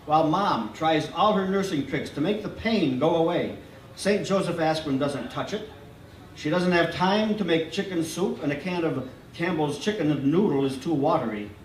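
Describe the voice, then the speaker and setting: A man, an author, reading his memoir aloud on stage in a measured, reflective storytelling manner. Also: on the high side. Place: stage in a hall. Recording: echoey hall from a distance, faint noise.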